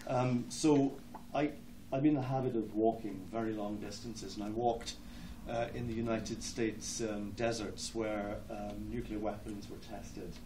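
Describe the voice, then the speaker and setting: A man with an Irish accent, a poet giving a reading with spoken introductions, hesitant between phrases and slow in verse. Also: fairly low pitch, fairly even intonation, mellow. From Ireland. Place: lecture hall with an audience. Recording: echoey hall, distant mic, background noise.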